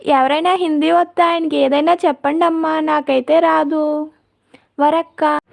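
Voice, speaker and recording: High, gravelly-voiced woman chatting live. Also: level tone, measured pace. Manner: chatty, greets and answers viewers by name. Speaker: live-stream host reading viewer comments. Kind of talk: casual live chat.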